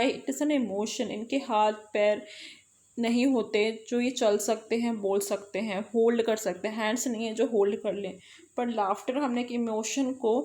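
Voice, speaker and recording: Slow, patient Indian woman teaching. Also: on the high side, darkish tone. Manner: slow, explanatory, repeats points. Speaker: English teacher. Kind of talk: online lesson, mixing English and Hindi.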